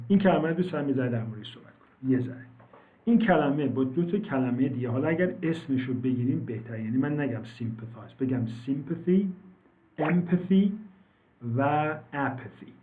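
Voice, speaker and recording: A man teaches an English class over a video call, speaking at an even middle pitch. He draws out his explanations, repeats words and fills his pauses with small sounds. The audio is thin and phone-like, with a roomy echo. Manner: explains slowly and drawn out, repeating words, with many fillers. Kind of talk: online class, explaining vocabulary.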